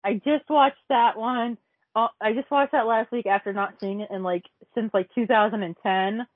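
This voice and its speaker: A woman's voice: on the high side, steady tone, normal speed, no room sound. A woman in casual chat, rambling with many fillers and frequent laughs. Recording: dry, phone-like audio.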